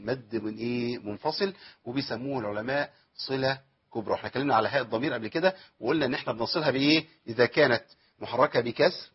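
A man's voice: medium pitch, very fast, slightly rough, highs cut off. A man with an Egyptian accent teaching Quran recitation rules, asking questions and answering them himself, and stretching out the recited verses. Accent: Egyptian Arabic. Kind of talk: tajweed lesson with recited examples.

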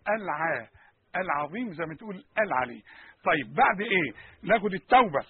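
A man with an Egyptian Arabic accent teaching Quranic pronunciation, repeating sounds and questioning his listeners in an animated way. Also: sits high, fairly quick, breathy edge, narrow, tinny audio.

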